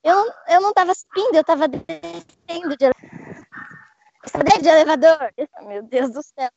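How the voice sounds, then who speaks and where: A woman's voice: very high-pitched, normal speed, gravelly, darkish tone. A woman chatting casually in a group podcast, her audio glitching and cutting out over a bad connection. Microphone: remote call line. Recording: dull lo-fi call audio.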